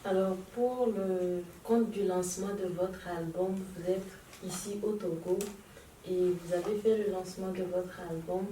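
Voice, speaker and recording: A woman's voice: lowish voice, steady tone, measured pace, warm tone. A woman interviewing a guest in a formal, polite way. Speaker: interviewer, filmmaker. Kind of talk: interview questions. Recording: echoey room, mic far off, faint noise.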